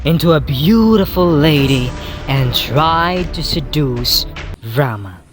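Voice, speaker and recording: A narrator telling an epic tale in slow, measured scripted narration. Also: mid-range voice, expressive, music in the background.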